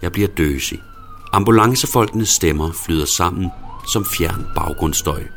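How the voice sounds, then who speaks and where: A man reading a first-person story aloud in a plain, low-key way. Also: wildly swooping pitch, fairly bright tone, a little hiss or hum. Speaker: narrator.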